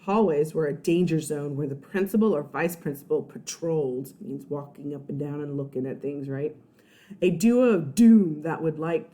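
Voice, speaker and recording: A woman with a deep, dark-toned voice reads a children's storybook aloud expressively, like a first-grade teacher. She adds explanations and checks in with her young listeners.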